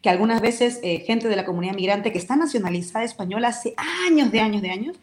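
A woman's voice: mid-range voice, fast. Emphatic woman in an echoey room. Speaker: guest. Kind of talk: casual interview talk.

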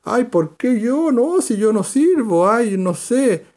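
A man's voice: very high-pitched, sing-song, slow, darkish tone, voice pushed up, full character voice. A man putting on the voice of a doubting, self-deprecating old woman, sighing and whiny. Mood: fretful.

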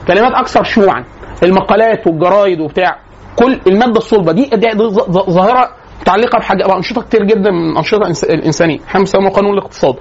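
A man's voice: high-pitched, breathy edge. A man with an Egyptian accent giving a casual spoken lecture. He digresses and keeps asking rhetorical questions. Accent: Egyptian Arabic. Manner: rapid, digressive, full of rhetorical questions like "right?". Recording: dull lo-fi recording with faint noise.

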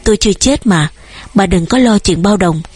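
Woman reading a broke desperate young dad, strained, breathy. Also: medium pitch, animated, moderate pace, a little mellow, no echo. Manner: strained, anguished. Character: desperate unemployed young father.

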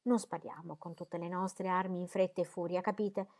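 Woman reading as a mild, rambling old gentleman. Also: on the low side, level tone, moderate pace, natural voice. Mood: placid. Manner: rambling, mild, keeps asking "capite?". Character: placid, stubborn older gentleman, rambling. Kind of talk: audiobook character reading.

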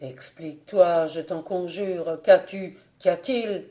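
A man's voice: sits high, takes it slowly, dark tone. A man reading an audiobook voices a devoted young Breton farmer who speaks in an urgent, pleading way.

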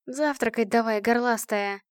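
A woman's voice: fairly high pitch, moderate pace, dry recording, studio quality, natural voice. A woman voicing a sleepy, grumpy young woman who grumbles and complains. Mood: sleepy grumbling.

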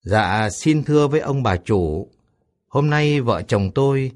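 A man's voice: mid-range voice, expressive, unhurried, darkish tone, natural voice. A man voicing a humble older father who talks in a polite, deferential way. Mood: pleading.

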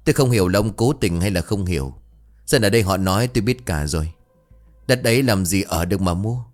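Man playing a curt, accusing middle-aged businesswoman, low-pitched, for a spoken ghost story. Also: animated, brisk, soft background music. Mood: stern.

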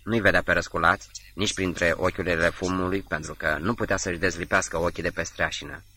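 Bărbat cu voce gravă, citind un roman. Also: male voice, sits low. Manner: measured, steady literary narration. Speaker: narrator. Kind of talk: audiobook reading of a novel.

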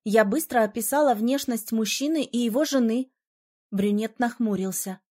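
Female audiobook narrator, expressive first-person reading, warm tone. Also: on the high side, moderate pace. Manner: expressive, emotional storytelling.

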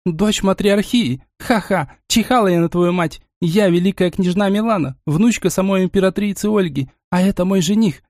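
A man voicing a hot-tempered, jealous young noblewoman in an audiobook, loud and scolding. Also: high voice, normal speed, few pauses, dry recording, studio quality, voice pushed up. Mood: angry. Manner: shouting, scolding, sharp-tongued.

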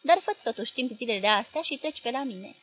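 A woman reading the part of a moody young woman who speaks with cool, quiet irony. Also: on the high side, lively intonation.

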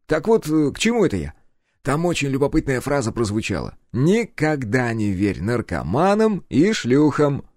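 A man doing a brash, loud-mouthed sidekick. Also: medium pitch, huge pitch swings, normal speed, no echo, clean studio sound, voice pushed up. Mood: rambling. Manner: brash, blurting, dismissive. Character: loud-mouthed cheeky young man, cooking.

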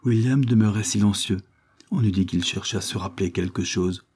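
A man narrating a classic novel in a measured, low reading voice. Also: darkish tone, husky. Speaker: audiobook narrator.

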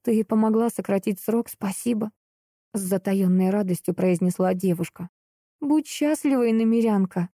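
A gentle, translucent young spirit who speaks with hushed joy, read by a woman narrator. Her tone is dark and mellow. The audiobook recording is dry and close. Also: mid-range voice, moderate pace, no room sound, close to an everyday voice. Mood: quietly grateful. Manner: quietly joyful, gentle.

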